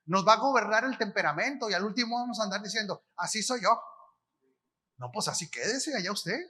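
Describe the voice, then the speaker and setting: Bright high-pitched Mexican preacher man. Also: lively intonation, fast talker, breathy edge. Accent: Mexican Spanish. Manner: colloquial, asks the audience questions and answers himself. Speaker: apostle preaching. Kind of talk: conference sermon.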